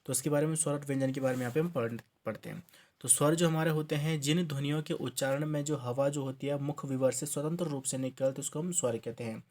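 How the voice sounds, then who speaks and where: A man's voice: a little high, fairly even intonation, fast talker, a little mellow. A man, from Uttarakhand by accent, teaching an exam-prep grammar lesson, explaining step by step, restarting words and checking in with "okay" as he goes. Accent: Hindi from Uttarakhand.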